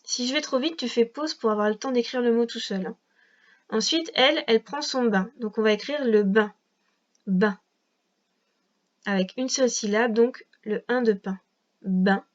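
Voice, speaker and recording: A woman's voice: on the high side, a little fast, lo-fi sound. A woman teacher guiding a young child through a reading lesson at a patient, carefully articulated pace. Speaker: first-grade teacher.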